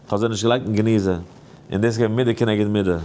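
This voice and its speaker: A man, a rabbi, giving an animated Torah lesson in a sing-song way, now and then stretching phrases into a chant. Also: fast talker, a little hiss or hum. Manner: lively, swings high and low. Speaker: rabbi teaching a daily Torah class.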